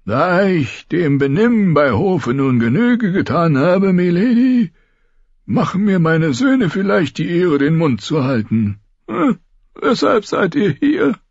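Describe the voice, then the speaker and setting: A man voicing a crotchety, spiteful lord of ninety with a high, cracked cackle, in an audiobook reading. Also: very animated, slow, darkish tone, dry recording, highs cut off, exaggerated voice. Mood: mocking. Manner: scornful, barking.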